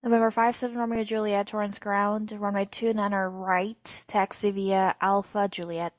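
A woman giving clearances as an air traffic controller in clipped aviation phraseology. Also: medium pitch, flat delivery, normal speed, no room sound, lo-fi sound.

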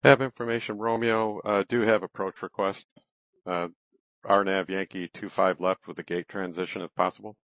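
A man's voice: low-pitched, level tone, normal speed, a bit bright, no echo. A man radioing air traffic control from a cockpit headset, giving clipped procedural readbacks. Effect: pilot radio over cockpit headset. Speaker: private pilot. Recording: dull lo-fi radio transmission.

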